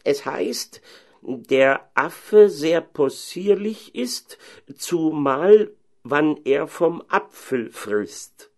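A man's voice: on the high side, animated, voice pushed up, full character voice. A man voicing a learned, pompous old pastor who drags his words out. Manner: drawn-out, pompous.

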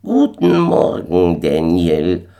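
A man's voice: low voice, wildly swooping pitch, slow, vocal fry, warm tone, full character voice. A man voicing a small, spiteful Man in the Moon in a storybook reading, curt and mocking, drawing out his words.

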